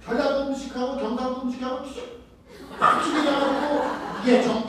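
High-voiced priest lecturing in an echoing hall. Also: male voice, far from the mic, background noise. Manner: asks the audience questions and answers them himself. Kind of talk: retreat lecture to a live audience. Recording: very echoey hall, recorded from afar.

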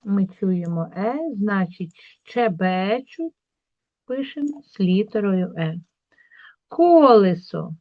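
A woman teacher working through a school workbook, drawing words out slowly to show where the stress falls. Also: mid-range voice, expressive, no room sound, highs cut off. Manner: slow, drawn-out word demonstrations.

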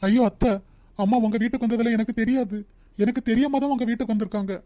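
A woman's voice: mid-range voice, expressive, a little fast, dark tone, no echo, lightly acted. A woman voicing an earnest, apologetic young man on the phone in a cartoon. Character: anxious young fiancé on the phone. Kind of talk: cartoon voice acting.

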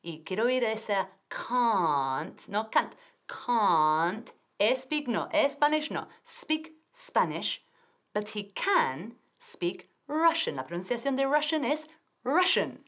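Slow, lively woman drilling pronunciation. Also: medium pitch. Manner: clear, drilling pronunciation, encouraging. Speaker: English teacher. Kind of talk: TV language lesson.

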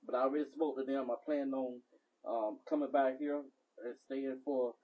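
A man's voice: medium pitch, steady tone, normal speed, recorded from a distance. A man with a Southern US accent hosting a casual live stream, chatty and coaxing. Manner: chatty, coaxing, laughs easily. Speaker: community live-stream host. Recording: dull, husky sound from behind the camera.

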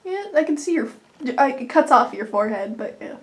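A young woman works the camera and keeps up a teasing, giggly patter. Her voice is bright and high, close to the microphone in a small bathroom. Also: expressive, brisk. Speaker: camera operator. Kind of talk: casual chat.

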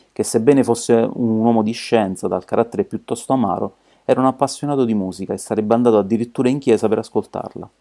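Brief: amateur audiobook narrator, male, dark warm tone, measured delivery. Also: on the low side.

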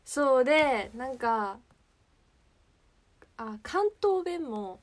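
Young Kansai woman, high bright voice, livestream host, chatty and rambling. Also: lively intonation, drawn-out words. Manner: chatty, rambling, searching for words. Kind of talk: casual livestream chat.

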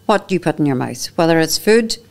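A woman's voice: low voice, lively intonation, quick pace, creaky. A woman in her fifties with a Northern Irish accent, speaking as a podcast guest in a candid, emphatic way and repeating key phrases. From Northern Ireland. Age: 50s. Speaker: podcast guest, menopause educator. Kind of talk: candid conversational interview. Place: studio set with armchairs. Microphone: boom microphone on stand.

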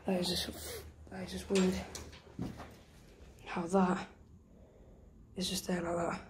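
A woman talking quietly and nervously while exploring a dark abandoned warehouse, recorded on a handheld camera. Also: lowish voice, monotone, takes it slowly. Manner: quiet, hushed and jumpy, often whispering. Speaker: urban explorer. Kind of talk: hushed casual commentary while exploring. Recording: noisy handheld camera audio.

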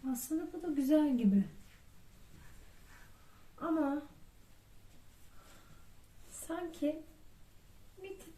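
A woman's voice: sits high, animated, extremely slow, pauses often, dark tone. A woman vlogging a casual clothing try-on, chatty and thinking aloud as she weighs each piece. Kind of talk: casual try-on haul vlog. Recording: echoey room with faint noise.

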